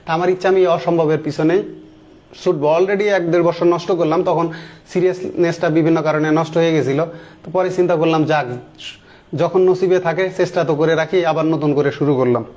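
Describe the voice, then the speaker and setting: High-voiced man teaching grammar in his thirties. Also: fairly even intonation, darkish tone, muffled recording. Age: 30s. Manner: explains step by step, slowly spelling out English example sentences and words; repeats key words and asks the class questions. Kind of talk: online grammar lesson.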